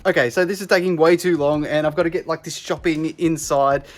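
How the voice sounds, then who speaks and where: This is a casual DIY vlog by an electrician in his thirties with an Australian accent, who briskly and offhandedly describes installing a car radio, making fun of himself as he goes. His voice is slightly high with fairly even intonation, and faint music plays behind.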